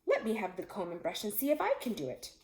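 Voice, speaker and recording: A woman's voice: mid-range voice, wildly swooping pitch, fast talker, darkish tone. Woman voicing a vain, blustering storybook lion, echoey room. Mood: delighted. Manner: blustering, emphatic. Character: angry, vain male lion, fretting over mane. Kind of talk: storybook character voice.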